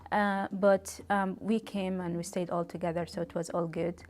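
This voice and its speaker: A woman, giving a halting, reflective personal testimony. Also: fairly low pitch, little pitch movement, darkish tone. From Sudan. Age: 30s. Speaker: interviewee telling her story.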